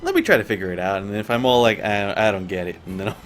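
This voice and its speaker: A man hosts a game stream with casual, joking, sweary commentary, often mock-quoting, while video game music plays behind him. His voice is fairly low and his speech rapid-fire.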